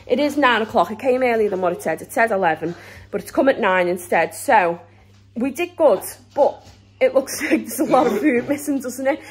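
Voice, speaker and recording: A British woman in her thirties vlogs a family grocery haul in her home kitchen, filming on a handheld phone. She rambles casually and laughs often, with a British English accent. Her voice is on the high side and husky, with lively intonation at a normal speed.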